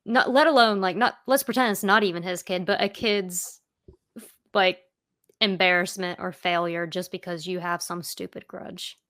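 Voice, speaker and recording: A woman's voice: on the low side, fairly even intonation, moderate pace, fairly bright tone. A woman co-hosting a podcast in casual chat, laughing often and acting out quoted lines. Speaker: podcast co-host.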